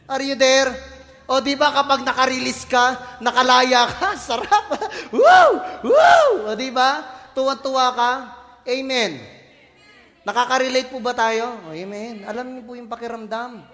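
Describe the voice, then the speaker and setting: A male pastor from the Philippines, preaching a lively sermon full of jokes and playful voices. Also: very high voice, normal speed. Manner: animated, joking, playful voices and shouts, mixes English in. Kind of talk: lively sermon with comic asides. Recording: church hall reverb.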